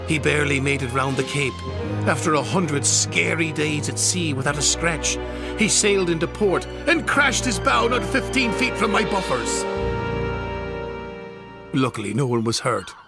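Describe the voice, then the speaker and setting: A man's voice: fairly high pitch, pitched above the performer's own voice, natural voice. Guy putting on a jolly old sailor engine, raised voice, yarn-spinning, music behind. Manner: salty sailor talk, drawn-out storytelling. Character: jolly old seafaring diesel engine, chatty.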